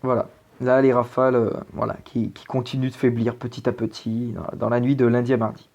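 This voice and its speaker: Guy doing an amateur weather forecast, lots of ums and restarts, mid-pitched voice. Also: level tone, a little fast, gravelly, darkish tone. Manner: hesitant, many fillers and restarts. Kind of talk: casual forecast commentary over weather maps.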